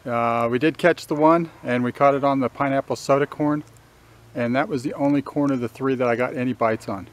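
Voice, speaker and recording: A man's voice: medium pitch, brisk. Middle-aged man vlogging by a river. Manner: relaxed, matter-of-fact, with small restarts. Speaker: fishing vlogger. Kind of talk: casual outdoor commentary. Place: riverbank outdoors. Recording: faint outdoor nature ambience.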